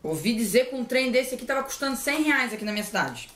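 A woman from southern Brazil chats casually at home while opening mail, gushing, exclamatory and playful. Her voice is fairly high, animated and fairly bright, she talks quickly, and the room is echoey.

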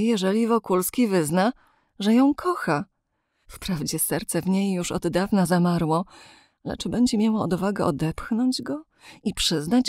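Kobieta czytająca ekspresyjnie powieść. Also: female voice, mid-range voice, no echo, clean studio sound. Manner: expressive, measured storytelling. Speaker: audiobook reader. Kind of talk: scripted narration of a classic novel.

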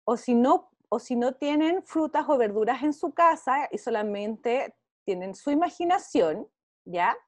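A visual arts teacher with a Chilean Spanish accent takes young children through an online art lesson by video call, her high voice swooping up and down as she cheers them on. She sounds animated yet unhurried, encouraging them and frequently checking in with "¿ya?". The audio is dry and close, with no room echo.

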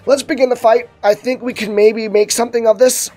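A man's voice: extremely high pitch, level tone, brisk, mellow. A young man doing casual let's-play commentary, thinking aloud and muttering asides to himself. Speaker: gaming video host.

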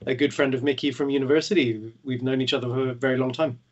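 Quick-talking man from Kenya. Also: medium pitch, steady tone. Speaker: guest, co-founder. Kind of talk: self-introduction on a video call. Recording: dull lo-fi video call audio.

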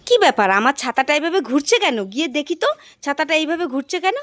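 A woman, playing a mother in a scripted comedy skit, animated and scolding, narrating to herself outdoors. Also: high voice, quick pace, no room sound. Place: outdoors in a yard.

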